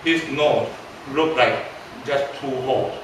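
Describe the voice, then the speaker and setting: A Taiwanese-accented pastor in his seventies delivers a storytelling sermon, halting and repeating words as he poses questions to his audience. His mid-pitched voice is captured from afar in a highly reverberant church hall, with noticeable background noise.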